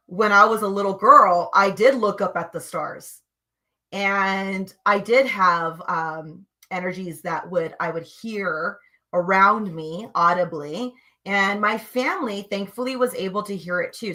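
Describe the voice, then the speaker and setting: A woman with a bright, forward voice tells personal stories to a host. Her delivery is animated and emphatic, dropping low and quiet, then jumping up loud. It sounds like a casual, conversational podcast. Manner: animated, emphatic, swings between hushed and loud. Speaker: guest sharing spiritual experiences. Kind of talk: conversational storytelling.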